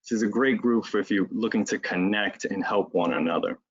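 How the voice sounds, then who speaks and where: A man's voice: lowish voice, brisk, breathy edge, muffled recording. A man opening a webinar as its organizer, reading prepared notes with frequent "um"s. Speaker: webinar organizer introducing the panel. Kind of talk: scripted webinar introduction.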